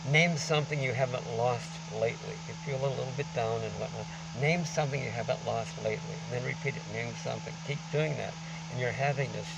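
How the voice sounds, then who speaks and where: A man talking through a face mask in a rambling, informal monologue to camera, halting but emphatic as he lectures. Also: medium pitch, vocal fry, recorded from a distance, very noisy. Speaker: vlogger. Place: outdoors on a beach.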